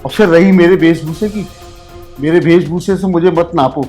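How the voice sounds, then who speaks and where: A man's voice: a little high, moderate pace, darkish tone, faint music behind, close to an everyday voice. A man playing a humble elderly father from a village who stammers, repeats himself and pleads, then scolds with dignity. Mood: dignified scolding.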